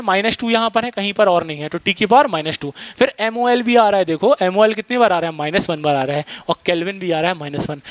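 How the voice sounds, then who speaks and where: A man teaches physics at a rapid clip, constantly quizzing his class. His voice sits fairly high for a man. The recording is close and dry. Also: a bit bright, dry recording. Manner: fast-talking, quizzes students, mixes Hindi and English terms. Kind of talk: classroom lecture.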